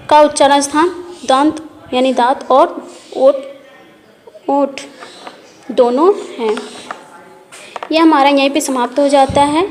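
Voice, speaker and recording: A woman's voice: high-pitched, in a large hall. A woman teacher giving a grammar lesson, going through each point patiently and repeating it.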